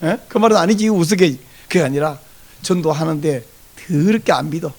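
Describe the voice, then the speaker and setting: A man preaching a Sunday sermon as pastor, lively and animated, acting out the voices of people he quotes. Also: on the high side, moderate pace.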